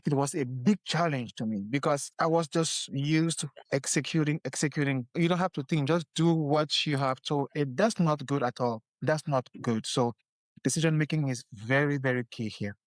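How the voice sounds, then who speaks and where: A man from Cameroon, speaking as a guest in a podcast interview in an earnest, measured way. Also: a little high, dry recording. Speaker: podcast guest, career strategist. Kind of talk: conversational interview.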